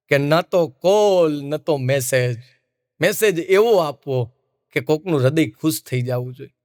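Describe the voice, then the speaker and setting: A man's voice: high-pitched, no echo, studio quality. A middle-aged man with a Kathiawadi Gujarati accent, telling funny folk anecdotes on stage and acting out the people in them. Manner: lively folksy storytelling, acts out the people in his stories. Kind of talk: live stage storytelling.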